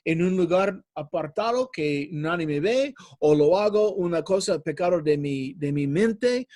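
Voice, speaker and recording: A man's voice: high voice, a little mellow, studio quality. A middle-aged man preaching an earnest sermon in a church hall, often calling the listeners brothers.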